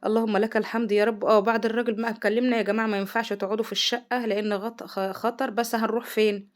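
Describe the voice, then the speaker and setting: A middle-aged Egyptian woman chatting rapidly through a home cooking vlog, exclaiming over the food. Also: on the high side, flat delivery. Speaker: vlogger, mother. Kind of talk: casual cooking vlog chat. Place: home kitchen.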